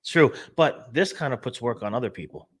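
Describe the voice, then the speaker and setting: Guy hosting a live stream, talks fast n animated, lots of restarts. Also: medium pitch, slightly rough. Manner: animated, repeats words, restarts often. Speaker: show host. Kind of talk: casual live-stream talk.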